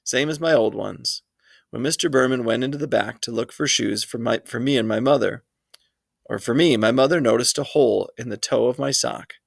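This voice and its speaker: A man's voice: medium pitch, fairly quick, gravelly, dry recording, studio quality. A man reading a children's book aloud in a first-person storytelling voice. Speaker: reader.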